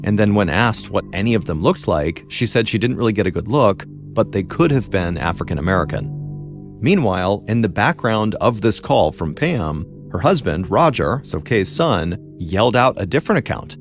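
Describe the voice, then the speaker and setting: A man hosting a podcast, telling a true crime story in a measured, dramatic way with pauses. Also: lowish voice, expressive, faint music behind. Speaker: podcast host and narrator.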